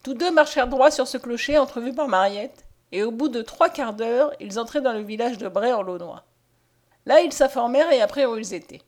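A woman reading a novel aloud with steady, expressive narration. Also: on the high side, brisk. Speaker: reader.

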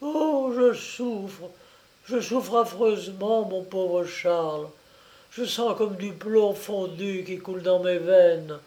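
A man voicing a dying, poisoned old mother, a duchess, crying out and pleading in a high, anguished voice. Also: slow, a little mellow.

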